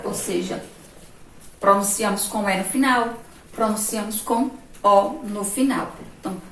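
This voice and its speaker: Speaking with a Brazilian Portuguese accent, this woman has a mid-range, slightly bright voice as she gives a remote lesson to small children. Her pace is slow and patient, and she questions them often. It sounds distantly miked, with roomy echo and a faint hum of ambience.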